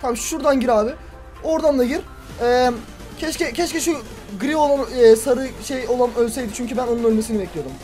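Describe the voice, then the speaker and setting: A man's voice: very high voice, quick pace, soft background music. A man commentating his own gameplay for a video, talking to himself and crying out at what happens on screen. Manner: excitable, talks to himself and cries out at the game. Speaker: gaming YouTuber. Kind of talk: let's-play commentary.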